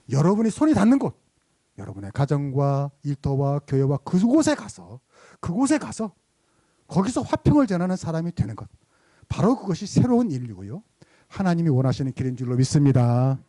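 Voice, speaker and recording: A male pastor with a high voice and dark tone preaches a sermon, telling stories and asking the congregation questions. The recording has no echo.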